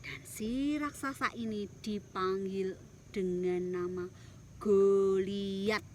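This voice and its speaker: A woman telling a bedtime story to children in a lively, exclamatory way. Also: medium pitch, slow pace, slight background noise.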